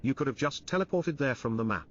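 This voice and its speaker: A man's voice: mid-range voice, lively intonation, fast talker, muffled recording, slight background noise. A man's synthetic voice reading out viewer messages during a stream. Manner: reads viewer messages aloud.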